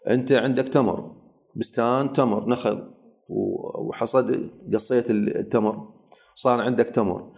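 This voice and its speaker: A man's voice: on the low side, gravelly, a little mellow. A man with an Iraqi Arabic accent, teaching a lecture that explains a legal text through everyday examples and rhetorical questions. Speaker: religious teacher.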